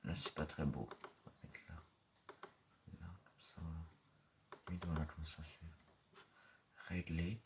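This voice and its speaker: Low-voiced man rambling over gameplay. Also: fairly even intonation, a little slow, long pauses, noisy background. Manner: rambling, full of fillers, drifts into low murmurs. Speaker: gaming video creator. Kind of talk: casual gameplay commentary. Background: mouse and keyboard clicks.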